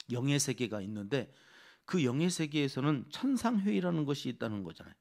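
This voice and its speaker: A male pastor preaching an early-morning sermon in a church. He is animated and keeps asking the congregation questions. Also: mid-range voice, gravelly.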